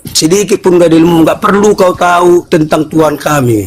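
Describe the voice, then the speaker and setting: A man's voice: fairly high pitch, a little fast, slight background noise. A man calling into a live debate, indignant and accusing, insisting the other side knows nothing. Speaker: caller in a debate. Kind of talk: heated phone-in argument.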